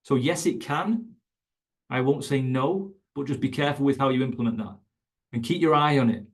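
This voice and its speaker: A man's voice: medium pitch, moderate pace. A man teaching coaches in an online webinar, emphatic and conversational, repeating his key points. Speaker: fitness coach educator.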